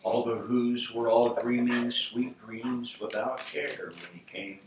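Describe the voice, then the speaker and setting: A middle-aged or older man reading a storybook aloud like a grandfather, with theatrical, rhythmic, deliberate delivery. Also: medium pitch, fairly even intonation. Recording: roomy distant home recording, faint noise.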